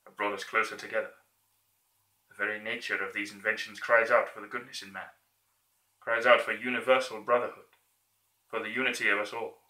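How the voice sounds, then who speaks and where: A man's voice: lowish voice, bright, forceful tone. A man playing an earnest, humble orator in a theatrical dictator speech, declaimed with emphatic repetition and fervent appeal. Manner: declamatory, emphatic repeated phrases, building to fervent exhortation. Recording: echoey room.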